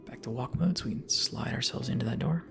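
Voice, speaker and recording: Fast-talking gravelly let's play narrator. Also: male voice, mid-range voice, music in the background. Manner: reads on-screen text and dialogue choices aloud.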